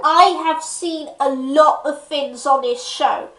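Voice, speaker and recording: A woman's voice: sits high, slow, fairly bright tone, roomy sound, low-quality recording. A woman hosting a comedic film review show, delivering scripted commentary in a sarcastic, theatrical, mock-dramatic way.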